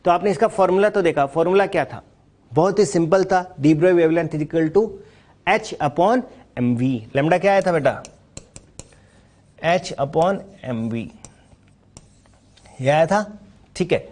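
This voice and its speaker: A man's voice: a little high, lively intonation, takes it slowly, long pauses, darkish tone. A man teaching a physics lecture, mixing Hindi and English, explaining step by step and asking and answering his own questions.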